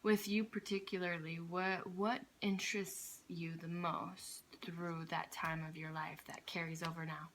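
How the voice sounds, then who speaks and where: A woman's voice: lowish voice, level tone, measured pace, few pauses, fairly bright tone, a little hiss or hum. A woman hosting a casual interview, asking questions in a chatty, teasing way.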